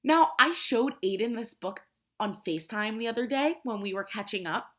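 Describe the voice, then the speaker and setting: An American preschool teacher reads a picture book aloud, using simple, expressive language and asking the young children questions. Her voice is a little high and her speed is normal.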